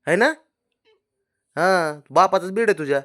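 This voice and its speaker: A man's voice: high voice, expressive, normal speed, fairly bright tone. A man speaking, chatting casually and teasingly to his pet cat, coaxing it and often raising his voice. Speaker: pet owner.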